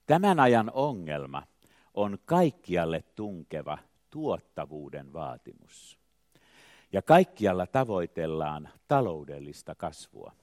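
An older man, an artist, speaking in a slow, measured, poetic way, with phrases that swell in emphasis and then trail off quietly. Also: low voice, sing-song, dry recording, clean studio sound. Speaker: artist, choreographer. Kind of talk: reflective spoken essay with recited poetry.

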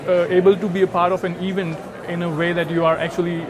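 Guy from india, kinda high voice, talks steady, crowd behind. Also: quick pace. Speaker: interviewee, student. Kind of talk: casual interview answers.

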